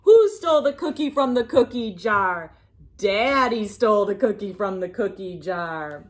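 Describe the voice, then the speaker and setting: Reading aloud for young children, a female narrator takes an unhurried pace with highly animated, sing-song picture-book intonation and pauses to prompt her listeners.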